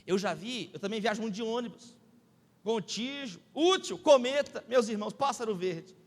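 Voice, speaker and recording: A man with a Brazilian Portuguese accent, a pastor preaching a sermon with lively, excitable humorous storytelling. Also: sits high, normal speed. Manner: animated, excitable, acts out the people in his stories. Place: church hall. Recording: long church-hall reverb.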